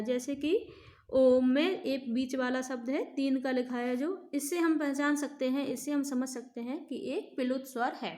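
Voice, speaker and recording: A woman teaching a grammar lesson to children, speaking slowly and clearly and repeating lists of sounds for her pupils. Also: sits high. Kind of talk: classroom lesson.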